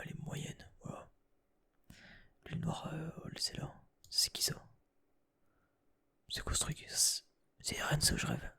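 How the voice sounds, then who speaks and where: A young man talks in a soft, very breathy whisper with a gravelly edge, as in casual ASMR chat. He thinks aloud, trails off and restarts his sentences, and drops in casual swear words. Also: a little high.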